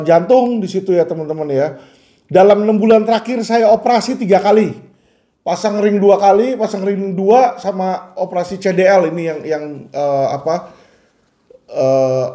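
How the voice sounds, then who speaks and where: A man's voice: high-pitched, warm tone. A man, a lawyer talking earnestly and emphatically to his viewers in a casual way.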